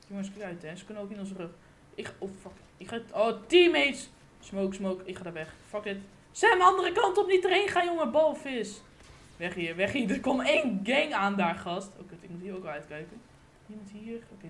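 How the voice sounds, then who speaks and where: A woman giving live gameplay commentary on her gaming channel, excitable and cursing, with sudden loud outbursts, recorded on a desk condenser mic. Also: mid-range voice, slight background noise.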